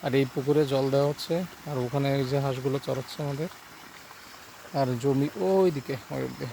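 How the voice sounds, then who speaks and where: A man's voice: medium pitch, fairly even intonation, brisk, gravelly, warm tone, slight background noise, poor audio. A young man with a Khulna Bengali accent, chatting casually as he walks outdoors through a village and coaxes the animals. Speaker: village vlogger. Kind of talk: casual walking vlog. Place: village outdoors, fields and pond.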